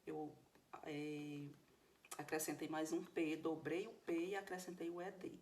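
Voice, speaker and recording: A woman with a Brazilian Portuguese accent and a fairly low voice leads a recorded video lesson on English grammar. She walks through each rule patiently and keeps checking in with her students. A faint hum of background noise runs under her voice. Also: little pitch movement, measured pace, darkish tone. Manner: patient, step-by-step explaining, checks in with "tá certo?". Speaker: English teacher.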